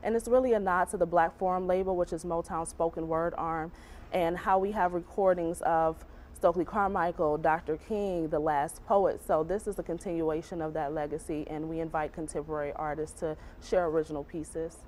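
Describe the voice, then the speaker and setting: Middle-aged woman w a lowish voice explaining a museum event on tv, faint room hum. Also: fairly even intonation, a little mellow. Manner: informative, measured explaining. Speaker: museum program director. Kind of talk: TV interview. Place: TV news studio.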